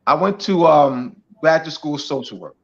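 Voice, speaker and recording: A man's voice: a little high, normal speed. A man speaking as a guest speaker in a teaching talk, emphatic and repetitive, with many "you know"s. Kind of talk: teaching talk on an online show. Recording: dull lo-fi audio.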